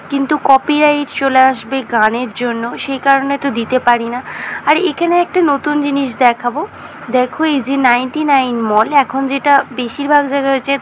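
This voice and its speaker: A woman narrating a casual vlog, chatty and enthusiastic as she talks straight to her viewers, her voice hoarse after a fever. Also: high voice, slight background noise, low-quality recording. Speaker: vlogger.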